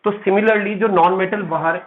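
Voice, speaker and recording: A man's voice: sits high, steady tone, moderate pace. A male chemistry teacher giving a classroom lecture, explaining step by step, calling his students "beta" and checking in with "theek hai". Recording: echoey room, tinny phone-like sound.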